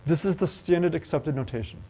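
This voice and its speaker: The speaker is a math professor with a fairly high pitch lecturing a university class at a fairly quick pace. In the lecture hall he is lively, asking students questions and making jokes.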